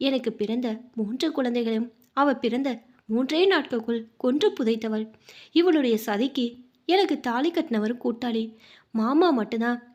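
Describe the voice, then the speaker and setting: A desperate young daughter-in-law, pregnant and grieving, speaks in a pleading, tearful way, voiced by a woman storyteller. Her voice sits high. It is told as a spoken storybook. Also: moderate pace, darkish tone, natural voice. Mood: bitter.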